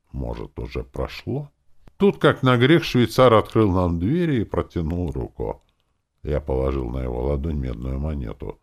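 Deep-voiced, lively male audiobook narrator. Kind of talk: first-person audiobook narration.

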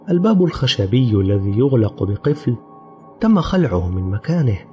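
A man giving a grave, dramatic reading of a dark story as an audiobook narrator. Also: lowish voice, muffled recording. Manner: grave storytelling, sometimes voicing characters.

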